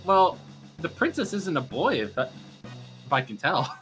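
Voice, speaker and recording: A woman's voice: low voice, very animated, moderate pace, a bit bright, faint music behind. A woman co-commentating on a game stream with sweary, stammering, joking banter. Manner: sweary, stammering over exclamations.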